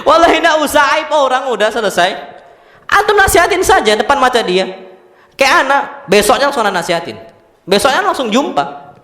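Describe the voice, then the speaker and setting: High-voiced man preaching in an echoey hall. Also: a little fast. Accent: Indonesian. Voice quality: animated storytelling, mixes Arabic terms, laughs often. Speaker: Islamic preacher. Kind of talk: casual religious study lecture.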